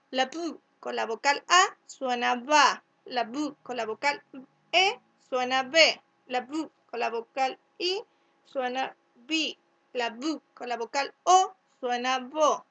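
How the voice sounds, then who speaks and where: A woman from Chile teaching a first-grade class, speaking slowly and clearly, sounding out letters and syllables and often checking with "¿cierto?". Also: high-pitched, fairly bright tone. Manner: asks "¿cierto?" to check along. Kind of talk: recorded remote class instructions.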